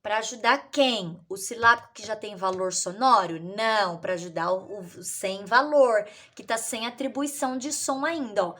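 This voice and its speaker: A woman teacher, explaining literacy activities in a lively way and acting out children's answers. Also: medium pitch, moderate pace, few pauses.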